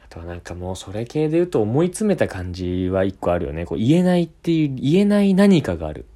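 A young man rambling through a casual comic monologue, joking and chuckling, jumping from loud bursts to mumbles. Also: lowish voice, very animated, quick pace.

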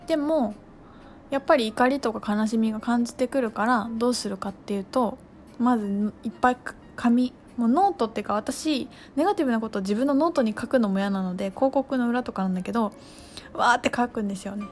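A woman, casually talking through her feelings in an animated, expressive way. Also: fairly high pitch, quick pace, slight background noise. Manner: animated, acts out her own outbursts and shouts. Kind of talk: casual spiritual monologue.

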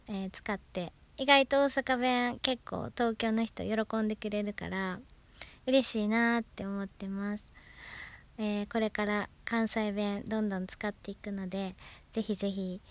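Chatty woman with a Kansai accent. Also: mid-range voice. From Osaka, Japan. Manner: chatty, laughs at herself. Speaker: radio talk host. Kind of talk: casual solo chat.

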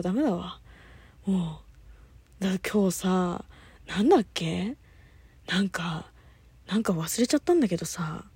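A high-energy woman hosts a solo talk radio segment in a casual, rambling way and keeps losing track of what she meant to say. Her voice is breathy and slightly husky, and it sits close to a dry, dead microphone. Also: no room sound. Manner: rambling, loses her thread, laughs often; high-energy, lively talker.

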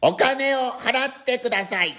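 A man imitating a high automated reception machine voice. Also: measured pace, bright, forceful tone, full character voice. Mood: stiff. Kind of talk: comedic impression.

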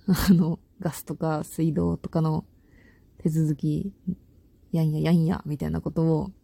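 Casting: young Kansai woman, loud rambling solo chatter with frequent laughs, very dark gravelly tone. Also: deep voice, little pitch movement, unhurried, no echo. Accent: Kansai Japanese. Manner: loud voice, by her own account; rambling, laughs often, slangy. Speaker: podcast host. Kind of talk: casual solo chat.

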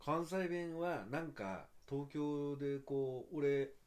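A man's voice: a little high, slow, darkish tone. A man in his thirties from Osaka with a Kansai accent, chatting casually over drinks as an actor co-host in a meandering, easygoing way. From Osaka, Japan.

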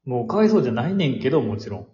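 A man with a Kansai Japanese accent in casual comic banter as a podcast co-host, colloquial and full of quick interjections and retorts. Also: medium pitch, big pitch swings, warm tone. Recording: roomy, echoey, dull lo-fi audio.

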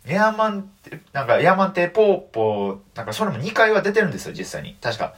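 Young man, Kansai accent, lively storytelling voice, swooping pitch, solo talk show. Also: fast talker. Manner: animated storytelling, mock-outraged asides. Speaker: comedian and podcast host.

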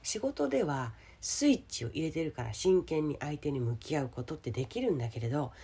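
A woman with a hoarse, gravelly voice gives a casual motivational solo talk as a radio host, speaking directly to the listener. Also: sits low, expressive, brisk. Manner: addresses the listener directly with questions and soft sentence-ending particles. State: hoarse today.

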